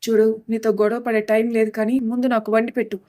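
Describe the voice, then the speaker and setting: A woman's voice: on the high side, little pitch movement, fast talker, dark tone, lightly acted. A woman voicing a brusque young husband who scolds and gives impatient orders in an audio story. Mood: scolding.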